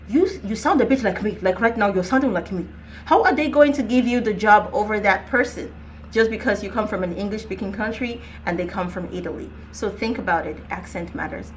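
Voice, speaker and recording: A woman's voice: a little high, a bit bright, slight background noise. A young woman coaching viewers on careers, talking to camera in a direct, emphatic, conversational way. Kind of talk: casual advice vlog.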